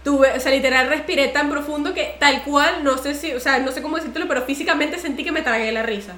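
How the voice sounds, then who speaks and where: High, bright-voiced woman podcast host. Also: fast, reverberant. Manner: animated storyteller who acts out other people's voices. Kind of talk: casual podcast chat.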